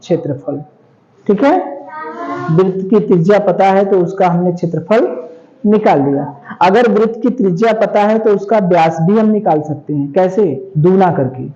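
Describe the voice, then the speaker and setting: A male teacher gives a math lesson, slowly drawing out each step, repeating it, and asking questions he then answers himself. His voice is high and mellow, and the audio sounds dull.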